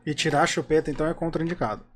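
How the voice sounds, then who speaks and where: A woman's voice: low voice, very fast, a little hiss or hum. A woman with a Brazilian accent, hosting a casual talk show and asking questions in a teasing, playful way. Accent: Brazilian Portuguese.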